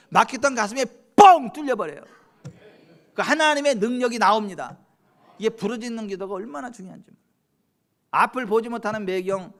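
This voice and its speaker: A middle-aged man preaching a sermon as pastor, swinging from hushed talk to sudden shouts and slow, solemn scripture reading. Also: high voice.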